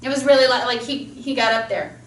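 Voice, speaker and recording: A woman speech teacher giving a chatty, fast-talking classroom lecture. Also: a little high, a bit bright. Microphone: camera mic across a classroom. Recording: roomy, distant classroom sound with faint noise.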